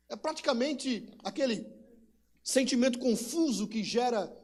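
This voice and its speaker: A man's voice: very high-pitched, a little mellow. A man with a Brazilian Portuguese accent preaching a sermon, telling personal stories and repeating rhetorical questions with emphasis. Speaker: pastor.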